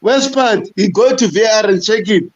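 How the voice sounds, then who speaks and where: A man speaking as a guest on a football live stream, frustrated and halting, repeating and stumbling over his words. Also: sits high, muffled recording. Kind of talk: casual football rant.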